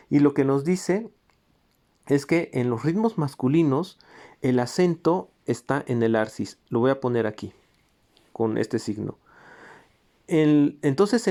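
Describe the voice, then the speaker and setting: A man gives a music theory lesson in a steady, explanatory way. He points to examples as he goes and sings short rhythm syllables to show the accents. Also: mid-range voice. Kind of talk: recorded lecture.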